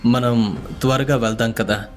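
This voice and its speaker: A man's voice: medium pitch, steady tone, measured pace, soft background music, lightly acted. A man voicing a bewildered, easygoing young male coworker who talks casually. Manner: casual, says "bro".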